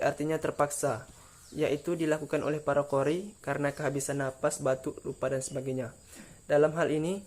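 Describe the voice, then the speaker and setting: A young man giving a classroom presentation, halting and correcting small slips. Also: fairly high pitch. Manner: flat, halting delivery with slips. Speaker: student presenter.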